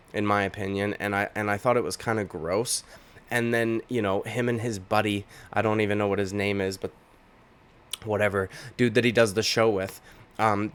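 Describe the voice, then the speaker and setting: Ranting indignantly and repeating himself, a Canadian man gives opinionated reaction commentary on MMA. His voice is slightly low.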